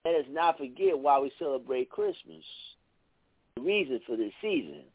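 A man's voice: medium pitch, lively intonation, normal speed, slightly rough, no echo. A middle-aged man is heard calling in to a radio show over a thin, tinny phone line. He recites his lines earnestly and chats with small restarts. The sound is dry, with no room around it. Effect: heard over a phone line on a radio call-in show. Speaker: radio show caller and poet.

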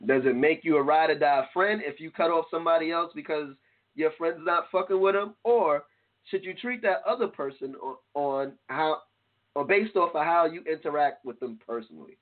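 A man co-hosting a casual talk show, animated and profane, often laughing and breaking into shouts. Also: fairly high pitch, moderate pace. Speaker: podcast co-host. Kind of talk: casual chat show banter. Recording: tinny phone-like line.

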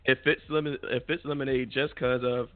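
A man's voice: medium pitch, little pitch movement, fairly quick, no room sound. A man co-hosting a casual podcast, a little sick and losing his voice, laid-back and slangy. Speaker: podcast co-host. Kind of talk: casual chat. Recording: dry phone-like sound.

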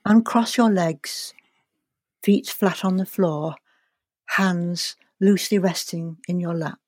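A woman leading a guided relaxation and visualization in a calm, soothing, deliberate way, leaving long pauses. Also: on the low side, dry recording, clean studio sound. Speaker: guest leading a guided meditation.

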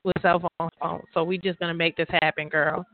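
A woman's voice: fairly low pitch, little pitch movement, a little fast, dry recording. Rambling woman heard over a phone line. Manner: rambling, restarts often, calls the listener girl. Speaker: author and publisher leading a writers' call. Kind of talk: casual call with a writer. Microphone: laptop with headphones. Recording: tinny, dry call audio.

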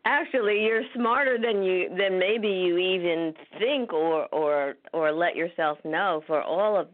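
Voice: mid-range voice, unhurried, no room sound. Encouraging host on a phone line. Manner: encouraging, laughs often, restarts sentences. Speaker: interview host. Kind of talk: casual interview.

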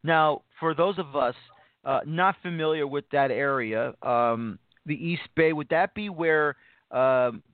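A man's voice: on the high side, a little slow, dry recording. A man hosting a casual soccer interview show, rambling and repeating himself with many fillers. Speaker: podcast host. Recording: dry phone-like line.

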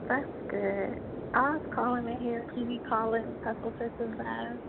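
A woman calling in to a talk show, heard over a phone line, answering in a relaxed, easygoing way. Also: fairly high pitch, moderate pace, creaky, heavy background noise. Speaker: caller. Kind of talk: casual call-in chat.

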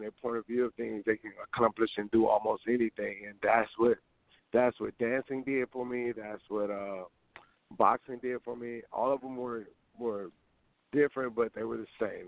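A man's voice: fairly low pitch, steady tone, normal speed, no room sound. Southern man on a tinny phone-like line. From Georgia, US South. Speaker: interview guest, boxer and former dancer. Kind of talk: casual interview chat. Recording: tinny, dry phone-like radio sound.

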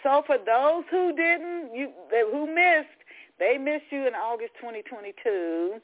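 Halting woman radio host, tinny sound. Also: high-pitched, lively intonation. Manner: halting, repeats words. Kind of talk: radio interview.

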